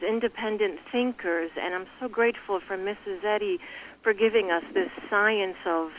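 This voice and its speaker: A woman calling in on the phone while hiding under her desk at work, hurrying through a church testimony. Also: medium pitch. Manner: rushed, hurried. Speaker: church caller giving testimony. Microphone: phone call. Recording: dull phone line with faint noise.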